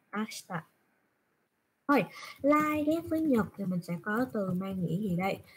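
A woman's voice: mid-range voice, a little mellow, a little hiss or hum. A woman teaching Japanese in an online class, patiently asking questions and answering them herself. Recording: screen recording from a browser.

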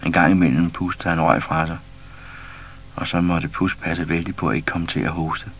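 A man reading a children's storybook aloud to a young listener, steady and storyteller-like. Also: sits low, vocal fry, a little hiss or hum. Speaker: audiobook reader.

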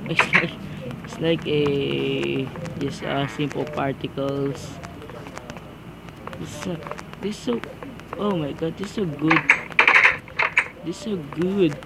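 A man casually showing off a game mod, excitable and halting, with fillers and chuckles. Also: on the high side, creaky. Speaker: mod reviewer. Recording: loud background noise.

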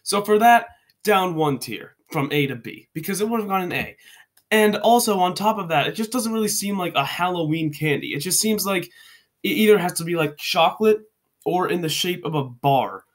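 Speaking into his webcam at home, a young vlogger with a congested voice ranks candies casually, joking and rambling while fixing his own slips. His voice is high and expressive, at a moderate pace.

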